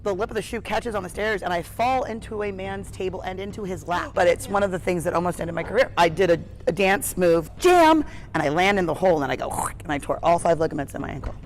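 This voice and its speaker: A woman's voice: fairly low pitch, fast, hardly any pauses, a little hiss or hum. A woman, an arts teacher, chatting animatedly as a guest on a live hot-sauce interview. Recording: live stream with loud music behind.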